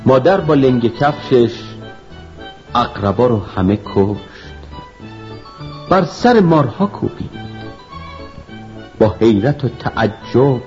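A man narrating a children's story in rhyming verse, telling it with lively storytelling. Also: mid-range voice, pauses often. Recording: dull lo-fi recording, faint music.

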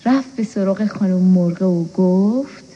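A woman narrating a children's story in a gentle, even storytelling manner. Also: mid-range voice, husky, highs cut off.

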